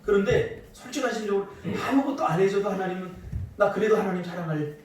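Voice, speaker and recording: A man's voice: high voice, quick pace, a little mellow, slight background noise. A middle-aged man preaching a sermon as pastor, with playful asides to the congregation. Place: church sanctuary. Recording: echoey church hall from a distant mic.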